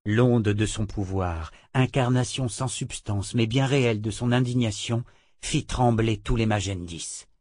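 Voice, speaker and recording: A man narrating a fantasy novel in a measured, dramatic reading. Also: fairly low pitch, darkish tone. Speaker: audiobook narrator.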